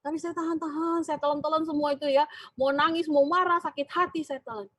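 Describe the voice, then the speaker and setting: A woman's voice: sits high, steady tone, fast, fairly bright tone, dry recording, poor audio. A woman giving a sermon at a prayer fellowship, telling a personal workplace story with many fillers and acted-out dialogue. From Indonesia. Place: church fellowship room.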